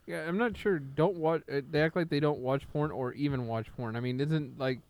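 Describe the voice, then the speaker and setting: A man's voice: fairly high pitch, brisk, a little mellow, no echo. A man co-hosting a casual wrestling podcast, joking and bantering with his friends. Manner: joking, mock-teacher delivery in his segment. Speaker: podcast co-host.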